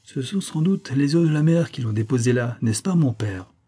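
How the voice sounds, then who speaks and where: A man's voice: mid-range voice, animated, normal speed, warm tone, close to an everyday voice. A man voicing a studious young boy who reasons earnestly, in a storybook reading. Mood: explaining.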